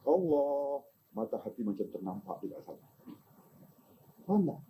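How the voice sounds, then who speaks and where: An older man giving an informal religious talk, animated and teasing, often asking his listeners questions. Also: on the low side, moderate pace, slight background noise, low-quality recording. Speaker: religious teacher.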